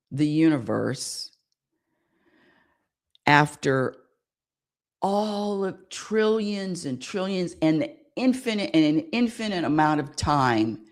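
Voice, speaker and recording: A woman hosting a spirituality radio show, talking in a repetitive, searching way and often asking listeners for agreement. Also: low-pitched. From United States. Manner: repetitive and searching, calls for audience affirmation. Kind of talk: spiritual talk monologue.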